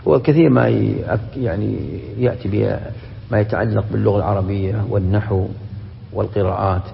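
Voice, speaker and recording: A man, a sheikh giving a Quran commentary lesson, quick and emphatic, often breaking off and restarting words. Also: lowish voice, steady tone, vocal fry, slight background noise. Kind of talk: classroom lecture with questions to students. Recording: dull, echoey lecture-hall recording.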